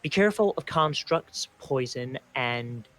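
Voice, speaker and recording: A man's voice: medium pitch, animated, a little slow, fairly bright tone. A man joking and teasing as a player in a tabletop game session. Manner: playful, teasing.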